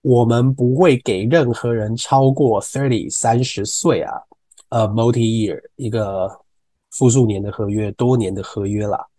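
A man with a Taiwanese Mandarin accent explains English phrases in Mandarin, repeating words to drill pronunciation. His voice is warm and mellow. The recording is dry and close, with no room echo. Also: mid-range voice, a little slow. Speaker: English teacher podcast host. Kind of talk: casual teaching talk.

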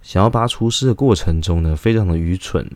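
A man's voice: low voice, fast, darkish tone, dry recording. A young man tells a rambling personal story in a casual vlog, full of fillers and restarts.

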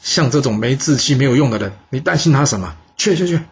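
A man's voice: medium pitch, animated, fast talker, husky, muffled recording, voice pushed up. A man voicing an arrogant ancient duke who boasts and scoffs at his ministers. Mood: gloating scornful. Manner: boastful, scornful laughter.

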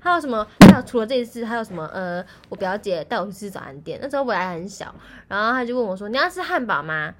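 A woman's voice: medium pitch, fast, hardly any pauses. A young woman, hosting a casual chat with friends and telling childhood stories with lots of giggling. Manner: giggly, animated storytelling. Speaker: podcast host.

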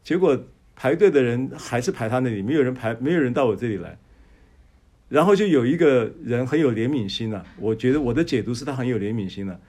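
A man's voice: medium pitch, fast talker. Male pastor telling a story. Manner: animated storytelling, frequent stammered restarts; speaks to listeners directly. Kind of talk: sermon with personal testimony.

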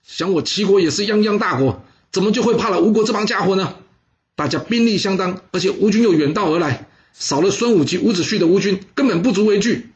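A man's voice: a little high, brisk, muffled recording, close to an everyday voice. A man voicing a fiery male envoy who rallies troops in an emphatic, rousing way.

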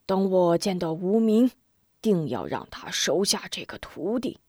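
A wistful old Taoist master, as a woman storyteller puts him on, soft and half-whispered. He takes his time, with a lively lilt, heard in a dry, close sound. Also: lowish voice, measured pace, no room sound, heavily acted. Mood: gentle. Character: elderly male Taoist master, gentle and wistful.

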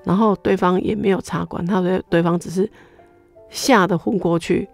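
A woman's voice: on the low side, normal speed, soft background music. A middle-aged woman with a Taiwanese Mandarin accent, giving her personal faith testimony as an interview guest, telling it with lots of exclamations. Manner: animated storytelling with many exclamations.

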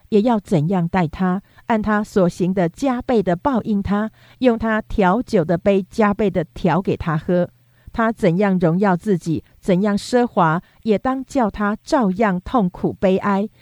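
A woman reading scripture aloud in a steady, measured, unhurried way. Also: medium pitch, no room sound. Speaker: scripture reader.

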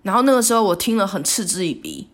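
A woman talks alone on her podcast. Her reflective monologue is halting and remorseful, and she often stops and restarts her sentences. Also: mid-range voice, animated. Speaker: podcast host.

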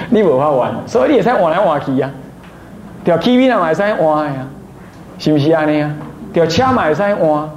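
A man's voice: fairly high pitch, darkish tone, muffled recording. A man from Taiwan, a Buddhist abbot, giving a dharma talk, mixing in phrases and often asking listeners rhetorical questions. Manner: mixes Taiwanese phrases into Mandarin. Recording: roomy echo, faint noise.

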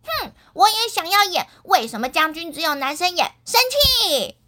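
A woman's voice: extremely high pitch, sing-song, normal speed, pushed and bright, full character voice. A woman voicing a spirited, confident schoolgirl who talks eagerly and insistently in a children's story. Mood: indignant.

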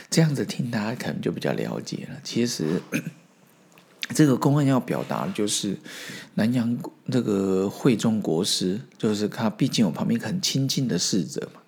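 A man hosting a podcast, explaining a Zen koan in a relaxed, conversational storytelling manner. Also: fairly low pitch, normal speed, vocal fry, husky. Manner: relaxed, explanatory, with frequent fillers. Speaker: podcast host. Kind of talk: storytelling commentary on Zen koans.

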